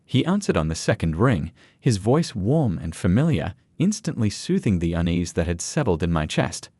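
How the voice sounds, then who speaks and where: A man reading a scripted first-person story aloud with earnest, expressive delivery. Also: sits low, moderate pace, slightly rough, no room sound. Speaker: narrator.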